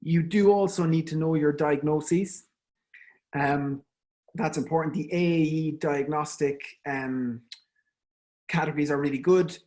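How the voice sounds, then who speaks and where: A man's voice: a little high, steady tone, unhurried, darkish tone. An Irish man, a dental specialist, gives a conversational online lecture to fellow dentists, with frequent ums and restarts. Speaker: endodontist giving an online talk. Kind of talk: informal webinar lecture.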